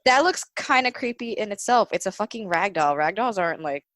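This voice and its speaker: A woman's voice: medium pitch, lively intonation, brisk, fairly bright tone, no room sound, studio quality. A woman co-hosting a podcast, reacting to stories with swearing and laughter. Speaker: podcast co-host. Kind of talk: casual podcast chat.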